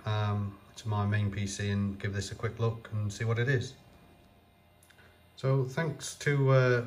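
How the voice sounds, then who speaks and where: Over slight background noise, a man with a lowish, darkish voice talks off camera as he works on an old computer. The computer restoration vlogger's casual remarks are hesitant and filler-heavy, as though he's thinking aloud.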